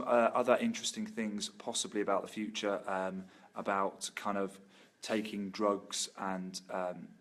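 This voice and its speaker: A man giving a casual, chatty, upbeat video update to friends and followers. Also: on the low side. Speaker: vlogger.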